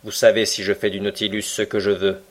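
Man voicing a cool ironic captain, commanding, measured, slow deliberate lines, audiobook. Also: lowish voice, little pitch movement, voice pushed down, close to an everyday voice. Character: calm ironic male submarine captain, commanding. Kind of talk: audiobook character reading.

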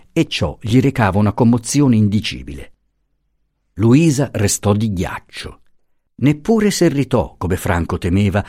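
A man narrating a classic novel as an audiobook reader, in a measured, expressive storytelling manner. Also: lowish voice, dry recording, clean studio sound. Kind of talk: scripted narration.

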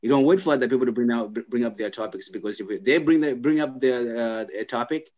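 A young man from Zimbabwe talks in a middle-pitched voice, reflective and unhurried, often stopping to restart his sentences. The sound is a little dull, like a lo-fi recording. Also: a little mellow. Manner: thoughtful, halting, many restarts and fillers. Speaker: guest. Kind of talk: conversational interview.

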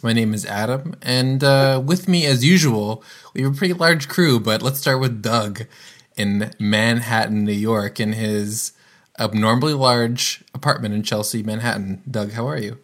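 A man's voice: fairly low pitch, fairly bright tone. A man hosting a casual podcast, chatty and upbeat, introducing his guests with plenty of fillers. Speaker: podcast host.

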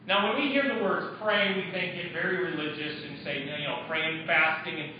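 A man's voice: on the high side, normal speed, slight background noise. A man preaching a sermon as a pastor in a church, speaking emphatically and using rhetorical questions. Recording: echoey church hall, mic far off, dull.

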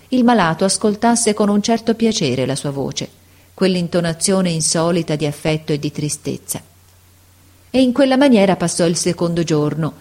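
A woman narrating a classic story as an audiobook, in a measured, sorrowful manner. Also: fairly low pitch, mellow.

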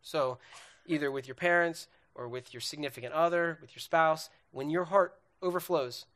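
A man's voice: fairly high pitch, normal speed, fairly bright tone. A young man giving an earnest, conversational sermon on relationships, speaking straight to his listeners and often checking in with "right?". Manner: lists questions and feelings one by one.

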